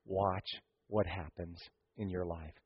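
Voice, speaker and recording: A man's voice: low-pitched, fairly even intonation, slow pace, breathy edge, no echo, narrow, tinny audio. A male pastor preaching a sermon, telling the story animatedly and speaking directly to the congregation.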